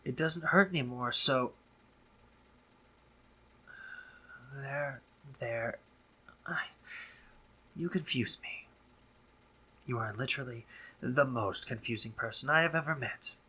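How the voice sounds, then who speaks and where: Here the same kind of role, a brooding, sardonic drider doctor who is guarded yet caring, is voiced by a man with a husky, medium-pitched voice and a bright, forceful tone. He sounds flustered in this intimate roleplay audio drama, his formal speech broken by halting pauses.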